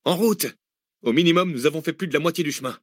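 A man reading an audiobook, voicing an excitable young man who swings between panic and cheer. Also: mid-range voice, rapid-fire, no room sound, clean studio sound, voice pushed up, close to an everyday voice. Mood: excited. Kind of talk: audiobook character voice.

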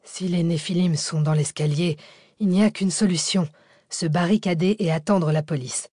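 A composed man speaks steadily to calm others down, as a woman reads him aloud. The delivery is low-pitched and recorded dry and close. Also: normal speed, dry recording, lightly acted. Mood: reassuring. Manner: steady, reassuring.

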